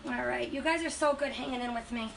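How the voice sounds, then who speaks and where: A woman's voice: on the high side, fast, gravelly, fairly bright tone. A woman hosting a casual live furniture-finishing tutorial, chatty and upbeat, talking straight to her viewers. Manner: chatty and upbeat, talks to viewers as "you guys". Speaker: host demonstrating furniture finishing. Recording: noisy live-stream recording.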